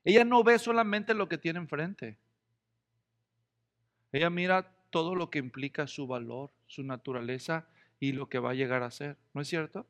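A man preaches a lively, joking sermon and keeps pulling his congregation in with questions. His voice sits high for a man, and it trails off into a long church reverb. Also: normal speed. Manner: humorous, acts out quoted voices, asks the congregation questions. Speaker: pastor. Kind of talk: expository sermon.

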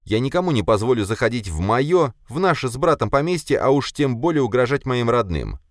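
A man's voice: medium pitch, very animated, a little fast, dry recording, clean studio sound, voice pushed up, close to an everyday voice. A man voicing a cocky young man who answers threats with cool defiance in an audiobook. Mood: defiant.

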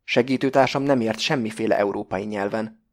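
Guy reading a calm posh hijacker, polished and a bit mocking, audiobook. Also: fairly low pitch, close to an everyday voice. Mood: commanding. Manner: refined upper-class diction with a mocking edge. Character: cool, refined male hijacker, mocking.

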